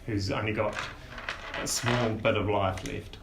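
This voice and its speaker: A man narrating as game master of a tabletop game, relaxed and rambling with many fillers. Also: on the low side, unhurried, gravelly. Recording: echoey room with faint hiss.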